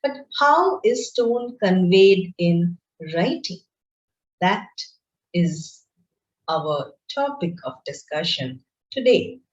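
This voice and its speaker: A woman lecturer teaching an online class in a slow, deliberate, explanatory way. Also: fairly low pitch, sing-song. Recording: roomy, dull lo-fi screen-share recording.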